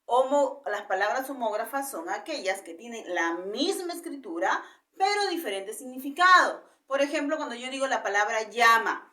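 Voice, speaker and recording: A woman with a Peruvian Spanish accent gives a school lesson in a high, very animated voice, often checking in with the class. She sounds set back from the microphone, with a roomy echo around her. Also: far from the mic. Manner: explains slowly with repeated rhetorical questions and "¿no?" checks. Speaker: primary school teacher.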